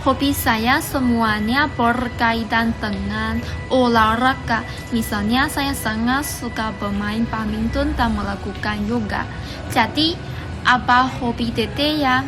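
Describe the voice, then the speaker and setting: A woman's voice: fairly high pitch, takes it slowly, music in the background. A young woman student from Guangxi, China, speaking Indonesian as a foreigner with a Chinese accent, giving a careful, prepared self-introduction. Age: young adult. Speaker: university student.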